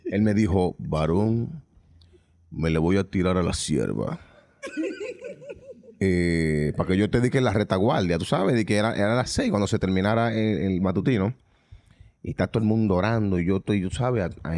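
A man co-hosting a casual faith podcast, telling a comic anecdote with animated, laughing delivery and acted-out moments. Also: on the low side. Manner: animated, laughing storyteller who acts out scenes. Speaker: podcast co-host. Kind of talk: casual storytelling among friends.

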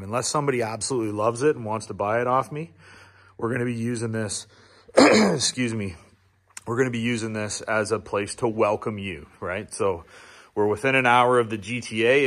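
A man's voice: lowish voice, fairly bright tone. A middle-aged man from Ontario, a builder chatting casually and easily as he walks through a small wooden building under construction. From Ontario, Canada. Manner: chatty, easygoing, with filler restarts. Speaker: builder and small business owner. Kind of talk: casual walking tour vlog.

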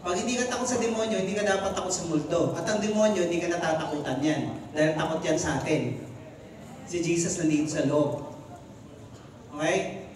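A man preaching a sermon to a congregation, animated and switching between Tagalog and English. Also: fairly high pitch, a little fast, long pauses, a crowd in the background. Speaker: pastor. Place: church hall. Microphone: recorded from the congregation. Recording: echoey hall, far from mic.

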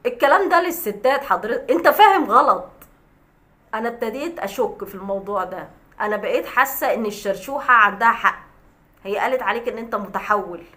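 A woman's voice: a little high, a bit bright. A woman with an Egyptian accent, a vlogger ranting at a critic in a sarcastic, scolding way with scornful laughs. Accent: Egyptian Arabic. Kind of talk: mocking rant to camera.

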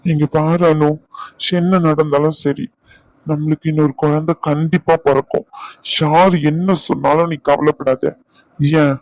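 A slightly high, slightly mellow male voice belongs to a husband vlogger who pleads with and comforts his wife, repeating himself, during emotional couple vlog talk. The recording is dull and lo-fi, with no room sound.

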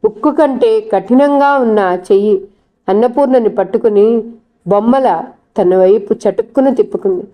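A woman narrates a novel in a measured, dramatic way. Her voice is deeply mellow and dark, set at a middling pitch for a woman. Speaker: storyteller.

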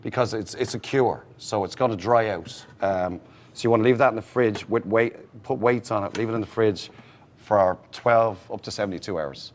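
A man's voice: fairly low pitch, moderate pace, a little hiss or hum. A man in his forties from Ireland with a Dublin accent, chatting casually as he demonstrates a recipe in a TV studio kitchen on a lapel mic. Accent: Dublin Irish. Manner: chatty, cooks while explaining. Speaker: restaurant chef. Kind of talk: casual cooking demo on TV.

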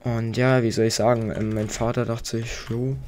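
A man's voice: medium pitch, flat delivery, normal speed, darkish tone, a little hiss or hum. A young man hosting a let's play, telling a story in casual, rambling, slang-heavy chat. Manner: slangy, rambling, chatty with many fillers. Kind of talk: casual gaming commentary while storytelling.

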